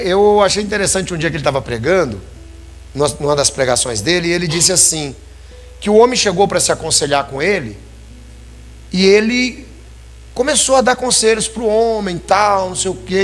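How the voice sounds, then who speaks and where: Pastor guy, high voice, chatty sermon, keeps saying brothers. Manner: conversational preaching, addresses listeners as brothers. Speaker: preacher.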